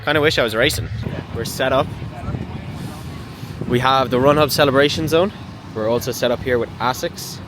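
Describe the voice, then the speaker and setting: A man, talking casually and upbeat to camera as a fitness vlogger, in informal slangy language. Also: medium pitch. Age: 20s. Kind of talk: casual vlog talk to camera. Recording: clear background noise, vehicle and outdoor ambience.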